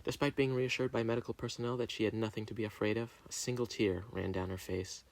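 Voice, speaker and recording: A man reading a story dramatically, narrating in a deliberate, theatrical way. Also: on the low side, steady tone, creaky, poor audio.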